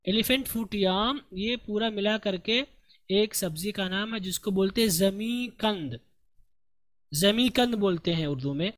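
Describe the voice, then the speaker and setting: A man teaching an English lesson, explaining a text line by line and reading the English sentences out slowly. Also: high-pitched, fairly bright tone. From India. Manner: slow, deliberate explaining, reads English lines very slowly.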